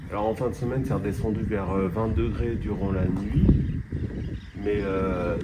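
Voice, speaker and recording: Low-voiced French man, relaxed outdoor vlog. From France. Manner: easygoing, chatty, many hesitations. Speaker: vlogger planting a tropical garden. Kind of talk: casual outdoor vlog talk. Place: outdoor plantation on a hot day. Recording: loud outdoor background noise.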